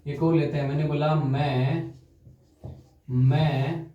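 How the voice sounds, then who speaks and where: A man teaching English grammar, dictating example sentences slowly and quizzing students with repeated questions. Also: fairly high pitch, level tone, dull audio. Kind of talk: classroom grammar lesson. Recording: echoey room, far from mic.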